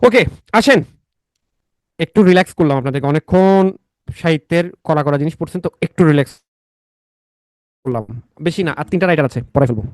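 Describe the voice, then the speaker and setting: Young guy lecturing exam prep, kinda high voice, jokes around w students, dry close mic. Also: fairly quick, long pauses, no room sound. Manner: jokey asides to students, repeats key facts. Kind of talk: live online lecture with banter.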